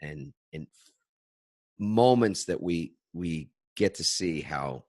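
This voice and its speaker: Man, podcast host, very deep voice, reflective, thinks aloud, conversational. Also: animated, slow. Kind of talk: conversational interview.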